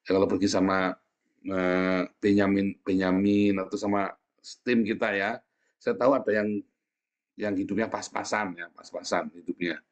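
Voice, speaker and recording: Lively preacher, lower voice. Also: male voice, moderate pace, lo-fi sound. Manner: lively storytelling, laughs, swings from hushed to loud. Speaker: pastor. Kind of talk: sermon.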